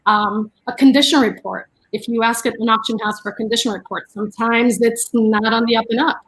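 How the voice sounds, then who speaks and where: Her voice is a little high and her delivery brisk, captured on a low-quality recording. This Dominican-born, New York-raised art dealer and curator, middle-aged, chats as a guest about her art career, spinning animated stories full of fillers.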